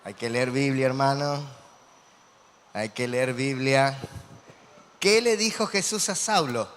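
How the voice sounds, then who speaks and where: A man with an Argentine Spanish accent preaching a sermon as a pastor, animated and quizzing his congregation. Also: medium pitch, takes it slowly, a little hiss or hum. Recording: long hall reverb.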